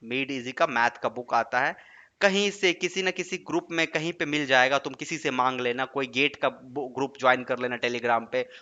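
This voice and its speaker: A man's voice: mid-range voice, moderate pace, bright, forceful tone, highs cut off. A man teaching an online exam-prep lesson, often checking in with questions to his students. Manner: coaxing, asks checking questions like "right?". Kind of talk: online lesson with screen writing.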